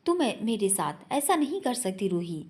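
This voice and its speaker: A woman's voice: medium pitch, very animated, normal speed, a little mellow, slightly rough. A woman voicing a grief-stricken young husband who pleads and rages in desperation. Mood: frantic grief.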